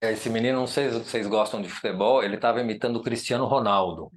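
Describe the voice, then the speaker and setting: A man's voice: lowish voice, fast. A man with a Brazilian Portuguese accent, an architect giving a chatty, enthusiastic informal lecture over slides, often checking in with the audience. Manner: chatty and enthusiastic, many tag questions. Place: lecture room.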